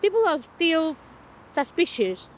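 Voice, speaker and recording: A woman in her fifties from Greece, speaking with a Greek accent in a documentary interview, earnest and a little halting. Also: very high voice, sing-song, low-quality recording. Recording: light background noise.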